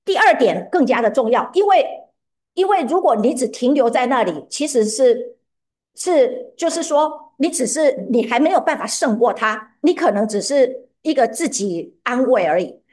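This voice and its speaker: Woman preacher, sermon delivery, engages the room with questions, lively rising and falling voice. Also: on the high side, normal speed. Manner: animated, often asks listeners questions.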